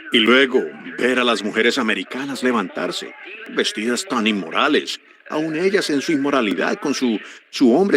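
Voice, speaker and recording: Man preaching with a lively, rising voice. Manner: animated, earnest preaching with sudden high rises. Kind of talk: sermon.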